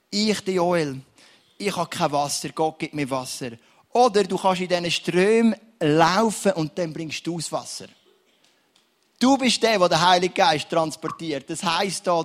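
A man preaches in a church service, his voice sitting a touch high. He swings between loud, emphatic scripture reading and hushed prayer, pacing his lines slowly for weight. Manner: animated preaching, reads scripture slowly, drops to soft prayerful tone. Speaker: pastor. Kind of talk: sermon with prayer.

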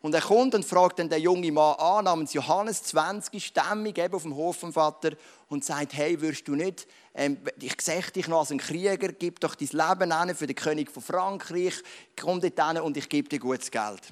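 A man preaches directly to his congregation, weaving anecdotes and read-aloud stories into his sermon. His voice sits a little higher than most men's. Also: moderate pace. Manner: direct, addresses listener as du. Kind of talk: sermon with storytelling.

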